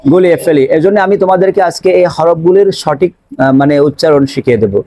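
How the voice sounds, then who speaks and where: A Quran recitation teacher with a medium-pitched, dark voice runs a quick-paced pronunciation drill in class. He poses questions and answers them himself, repeating each letter sound several times.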